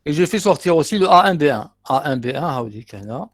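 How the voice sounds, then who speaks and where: A middle-aged man with an Algerian accent teaches a university class, working through each step and repeating key terms as he goes. His voice sits a little high for a man, and the recording is dry and close. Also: big pitch swings, brisk, no room sound. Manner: explains step by step, repeats terms, mixes in short asides.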